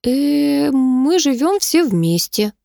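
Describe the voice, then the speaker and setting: A timid, gentle teenage girl, as a woman reading a story puts her on speaks hesitantly and softly in a raised pitch. The recording is dry and close. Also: very animated, slow, vocal fry, dry recording, full character voice.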